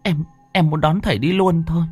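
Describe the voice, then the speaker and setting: An anxious young wife pleads with halting urgency, voiced by a male storyteller in a lifted tone. The recording is dry and close with faint music beneath. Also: a little high, steady tone, slightly rough, dry recording, voice pushed up. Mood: urgent. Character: anxious young wife urging her husband.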